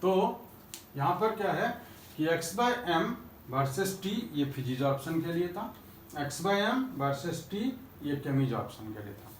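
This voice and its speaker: Hindi accent guy teaching chem class, kinda high voice, roomy echo, answers his own questions. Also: very animated, slow pace. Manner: calls students "beta", asks and answers own questions; mixes English terms into Hindi. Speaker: chemistry teacher. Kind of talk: classroom lecture. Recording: echoey classroom with faint noise.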